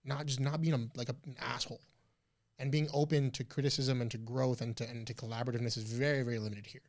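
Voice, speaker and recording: A man in his twenties, a podcast guest telling stories in a loose, profane, animated way. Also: mid-range voice, quick pace. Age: 20s. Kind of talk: casual interview chat.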